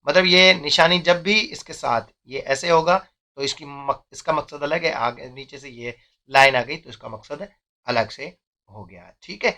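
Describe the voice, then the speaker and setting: A man's voice: a little high, measured pace, bright, forceful tone. A young man, teaching a math lesson step by step and often checking in with "theek hai".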